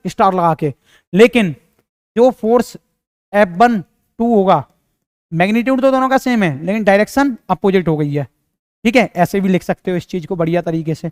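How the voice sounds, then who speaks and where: Man, young, physics teacher, high voice, chatty lecture style, smooth tone, talks right to students. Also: no echo, clean studio sound. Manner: chatty, jokey, addresses students directly. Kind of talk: casual classroom lecture.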